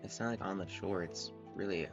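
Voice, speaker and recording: A man's voice: low voice, brisk, highs cut off. A man streaming a game through a headset mic, chatting casually and thinking aloud as he plays. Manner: relaxed, thinking aloud, trailing off. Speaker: gaming streamer. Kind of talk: casual livestream chat while playing. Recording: music playing behind the voice. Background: background music.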